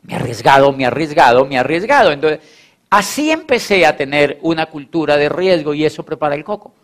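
A man's voice: on the high side, animated, fairly quick. A man giving a motivational stage talk to an audience, repeating phrases for emphasis and acting out quoted voices. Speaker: motivational speaker.

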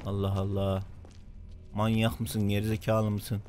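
A man in his thirties giving casual let's play commentary, reacting excitably to the game with frequent exclamations and swearing. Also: fairly low pitch, a little slow, slight background noise. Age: 30s.

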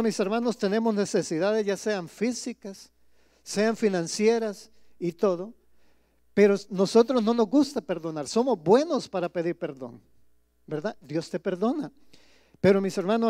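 A man's voice: high-pitched, moderate pace, mellow, no room sound, clean studio sound. A male pastor preaching a sermon, reading scripture aloud and breaking off to explain it, often checking in with the congregation. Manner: reads scripture aloud, then explains it in plain asides; keeps asking the congregation "¿verdad?" and "mis hermanos". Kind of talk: Spanish-language sermon. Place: church.

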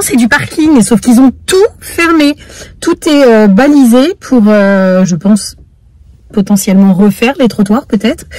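A woman's voice: mid-range voice, a little mellow. A woman vlogging to camera in a chatty, rambling way, often breaking into laughter. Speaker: family vlogger. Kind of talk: casual chat to camera.

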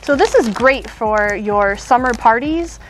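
A woman's voice: on the high side, animated, unhurried, noisy background. Chatty upbeat woman in her thirties. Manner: chatty, upbeat, with fillers and small laughs. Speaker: candy shop host. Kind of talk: casual product chat.

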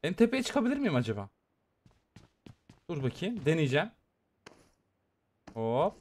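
A man giving excited, chatty live commentary on a mobile shooter game, talking straight to his viewers as he plays. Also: a little high, measured pace. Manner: excitable, chatty, talks to viewers while playing. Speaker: gaming YouTuber.

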